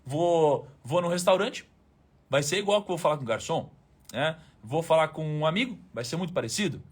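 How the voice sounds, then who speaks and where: Husky, animated Brazilian man streaming live. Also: on the high side, brisk. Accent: Brazilian Portuguese. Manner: informal and emphatic, with slang and swearing, addressing viewers directly. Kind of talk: motivational live-stream talk.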